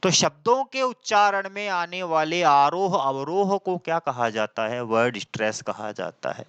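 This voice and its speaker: A man teaching a classroom lecture. He asks the class questions and answers them himself, repeating key terms and reading out English definitions slowly. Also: on the high side, lively intonation, fairly bright tone, smooth, dry recording, muffled recording. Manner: mixes in slow, deliberate English definitions.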